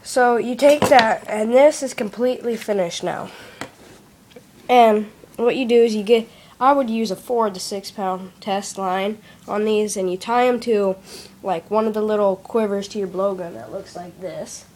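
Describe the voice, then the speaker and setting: A woman's voice: mid-range voice, measured pace, a little mellow, a little hiss or hum. Woman explaining a craft step by step. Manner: plain, step-by-step instructive talk. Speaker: craft demonstrator. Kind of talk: casual how-to explanation. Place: small room at a wooden desk, indoors.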